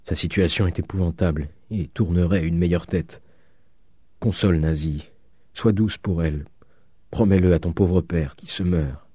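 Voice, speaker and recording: A man voicing a frail old father who cries out in a high, strained voice. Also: moderate pace, mellow, husky, no echo, studio quality. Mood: feeble.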